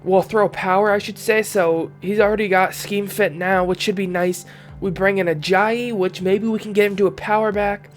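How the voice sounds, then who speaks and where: A man's voice: sits high, moderate pace, soft background music. A young man with a congested voice, casually commenting while he reviews season stats in a football video game. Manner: relaxed, thinking aloud while reviewing stats. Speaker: gaming YouTuber.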